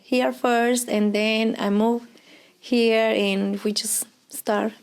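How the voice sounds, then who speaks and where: This interviewee, a Colombian preschool Spanish teacher in her thirties, talks slowly in a fairly high, clear, resonant voice with a steady tone. English is her second language, and her Colombian Spanish accent comes through in the relaxed interview. She hesitates often, laughing and using lots of fillers.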